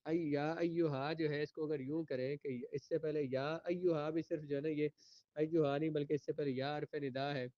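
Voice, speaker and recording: Man teaching a slow grammar lesson. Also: a little high, fairly even intonation, no echo, muffled recording. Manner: reads Arabic slowly, then translates and explains. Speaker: Arabic teacher.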